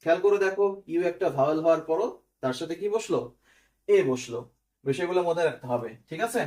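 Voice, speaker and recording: Speaking quickly with lively intonation, a man with a slightly high, darkish voice teaches English grammar in a recorded online class. His explanations go step by step, with quiz questions and regular "clear?" checks along the way.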